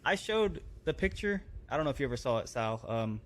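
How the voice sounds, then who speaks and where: A man's voice: mid-range voice, sing-song, brisk, slight background noise. A man in his thirties, a guest on a podcast, chatting casually in short, matter-of-fact phrases. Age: 30s. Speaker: podcast guest, professional fighter. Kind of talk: casual chat.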